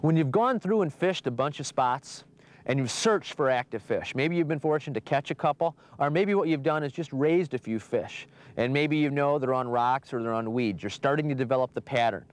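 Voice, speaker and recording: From a small boat on an open lake, a man in his thirties hosts an instructional fishing show, upbeat as he walks the viewer through his method and coaxes the fish while reeling. His medium-pitched voice is animated and fairly quick.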